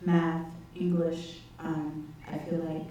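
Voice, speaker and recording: Young woman panelist, lowish voice, hesitant, distant echoey room. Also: little pitch movement, slow, warm tone, highs cut off, slight background noise. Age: 20s. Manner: hesitant, many fillers. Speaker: panelist, youth leader and arts teacher. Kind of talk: panel discussion. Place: large auditorium stage. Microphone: handheld mic. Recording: echoey hall, from far off.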